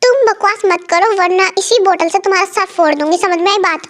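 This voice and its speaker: A woman's voice: very high voice, fairly quick, a bit bright. A woman voicing a feisty young female waiter who talks back sharply and defiantly.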